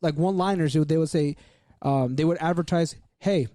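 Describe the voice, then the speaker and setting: A young man on a podcast with a fairly high, mellow voice. He makes his points in an emphatic, profane run of talk. The sound is dry and close, with no room echo. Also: fairly even intonation, fast talker. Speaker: podcast co-host. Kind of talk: casual chat.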